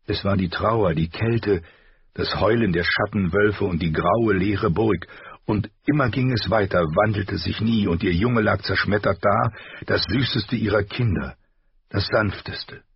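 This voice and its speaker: Male audiobook narrator, low and husky, measured, slightly dull recording. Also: no echo. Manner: measured, even storytelling.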